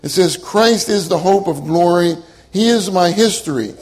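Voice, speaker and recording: A man with a high, light voice delivers an earnest sermon. He leans on his key phrases and repeats them for emphasis, speaking straight to his congregation. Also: moderate pace, husky, low-quality recording. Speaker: minister.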